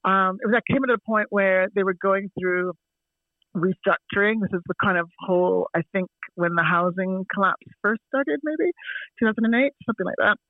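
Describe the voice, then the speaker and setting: Heard over a dry, tinny phone line with no room sound, this Toronto woman in her forties speaks at a normal speed in a mid-range voice. She is a chatty guest who laughs a lot during the casual call.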